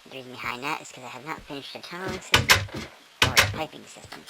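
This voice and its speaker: Gamer's voice through a squeaky morph filter. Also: lively intonation, quick pace, gravelly, very noisy. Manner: rambling, with many ums and self-corrections. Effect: voice-morphing filter, squeaky and small like a squirrel. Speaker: gamer giving a tour of a build. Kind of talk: casual gameplay tour.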